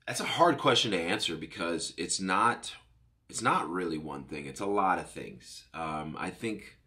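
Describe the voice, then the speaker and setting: Low-pitched and sharp in tone, a middle-aged podcast host chats on his own from a home studio through a boom-arm studio mic, headphones on. He's upbeat and rambling, often self-correcting, with a slightly stuffy cold.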